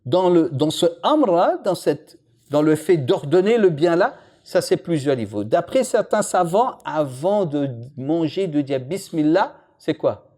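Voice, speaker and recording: A man's voice: on the high side, a little slow. A man giving an informal religious lesson, joking with the audience and putting questions to it. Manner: lively, jokes with and questions the audience. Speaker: imam teaching a religious lesson.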